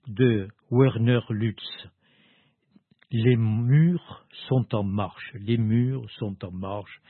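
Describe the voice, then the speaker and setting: Slow husky man presenting a book. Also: mid-range voice, no echo. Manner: slow, hesitant, many fillers and restarts. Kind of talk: casual spoken book review. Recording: dry, phone-like narrow sound.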